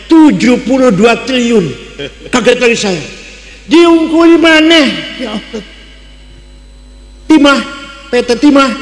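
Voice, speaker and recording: Older javanese cleric, highish voice, big echoey hall, lots of rhetorical questions. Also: male voice. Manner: rhetorical, asks the audience questions, swings between loud exclamations and dry jokes. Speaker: Islamic cleric giving a talk. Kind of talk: religious lecture to a congregation. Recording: echoey hall with long reverb.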